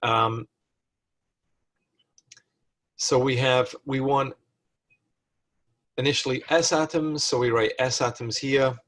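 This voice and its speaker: A man's voice: mid-range voice, fairly even intonation, slow, pauses often, fairly bright tone. A male lecturer working through chemistry problems step by step, thinking aloud and correcting himself mid-sentence. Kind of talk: recorded lecture walkthrough.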